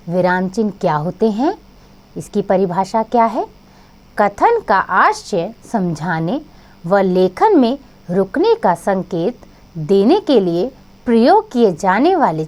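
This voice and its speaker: A woman teacher explaining a grammar lesson to children, speaking slowly and clearly. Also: mid-range voice.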